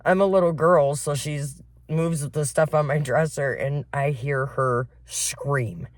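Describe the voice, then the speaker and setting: A woman's voice: low voice, slow pace, no echo. A woman from Michigan spins a wild, laugh-filled story, swearing freely as she goes. Her voice is close and dry, with no room sound around it. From Flint, Michigan. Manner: profane, laughing, animated storyteller. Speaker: podcast co-host. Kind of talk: casual chat, storytelling.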